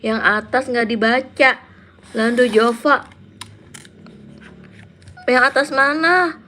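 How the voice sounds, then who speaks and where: Woman in her thirties, live stream host, high voice, unhurried, reads viewer comments aloud, casual chat. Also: pushed and bright, slight background noise. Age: 30s. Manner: chatty, reads out viewer names and answers them.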